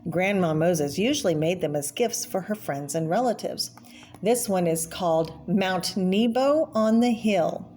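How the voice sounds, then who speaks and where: With a lowish, slightly mellow voice, a woman storyteller reads a children's picture book out loud, pointing out the pictures, explaining them, and asking the listener questions along the way. There's clear background noise in the recording.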